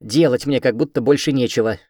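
A man's voice: medium pitch, a little fast, mellow, no room sound, studio quality, pitched above the performer's own voice, close to an everyday voice. A man voicing a mischievous giant male spirit cat who teases and plays innocent, in an audiobook. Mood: teasing. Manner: teasing, playful, feigning innocence. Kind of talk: audiobook character voice.

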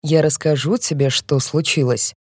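A woman voicing a dejected elderly man, a retired finance director, speaking slowly with a trembling, downcast voice. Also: sits low, fairly even intonation, husky, dry recording, clean studio sound, voice pushed down. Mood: tearful.

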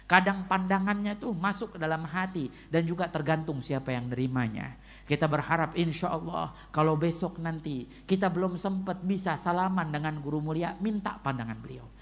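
A male preacher with a somewhat high voice talks a little fast in a casual, joking sermon. He tells stories vividly and animatedly, acting out the people in them.

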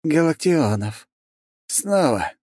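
A man's voice: mid-range voice, sing-song, a little slow, darkish tone, no room sound, studio quality, pitched above the performer's own voice. A male narrator voicing an irritable, exasperated rich duke in an audiobook. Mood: irritated.

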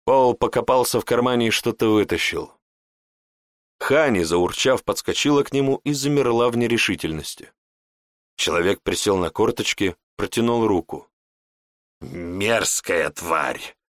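A man narrating a fantasy audiobook in an even storytelling manner. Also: mid-range voice, moderate pace, dry recording, studio quality. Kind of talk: scripted narration.

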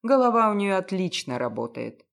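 A woman voicing a cynical, self-assured male private detective who talks down with mocking calm. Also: medium pitch, vocal fry. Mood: mocking lecture. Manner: mocking, condescending, unhurried.

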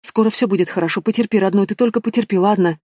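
A man's voice: high voice, very fast, darkish tone, slightly rough, no echo, clean studio sound. A man voicing a desperate young wife of a dying king, pleading and urgent.

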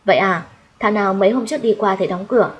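A woman's voice: medium pitch, racing, natural voice. A lecherous male regular customer calling in a casual, overly familiar way, voiced by a woman narrator. The delivery stays close to her plain audiobook voice.

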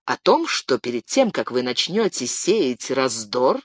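A cold, contemptuous English lord who governs the town, as an audiobook reader puts him on. The voice moves widely in pitch and sounds dry and close to the mic. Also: sing-song, measured pace, husky, no room sound. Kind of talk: audiobook character reading.

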